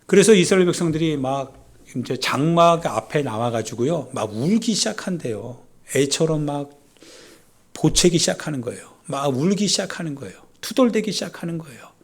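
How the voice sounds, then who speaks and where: Husky middle-aged male pastor preaching. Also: medium pitch. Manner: animated storytelling, acting out complaints. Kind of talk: sermon.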